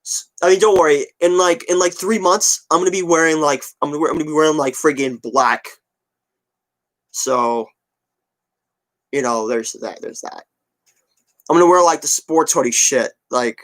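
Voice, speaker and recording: Pausing often, a video creator of twenty speaks at a moderate pace in a fairly high, fairly bright voice. He's keeping viewers updated and answering comments in an easygoing, rambling, repetitive way.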